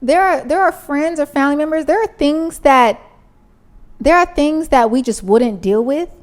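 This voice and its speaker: A woman co-hosting a casual podcast, with a high, bright-sitting voice. She talks earnestly and circles her point, leaning on fillers. The delivery stays loose and conversational. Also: moderate pace. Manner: chatty, filler-heavy, earnest. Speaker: podcast co-host. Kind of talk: casual chat.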